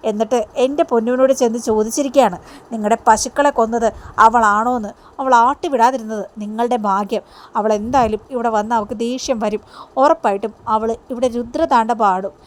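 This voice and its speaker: Brief: sharp-tongued indignant mother, read by a woman, soap drama retelling. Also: on the high side, fairly quick, close to an everyday voice. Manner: indignant, scolding.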